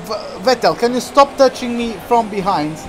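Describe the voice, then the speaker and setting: A man's voice: very high voice, lively intonation, normal speed. A man giving casual live commentary as they play a racing video game. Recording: loud engine noise behind voice. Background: racing game car engines.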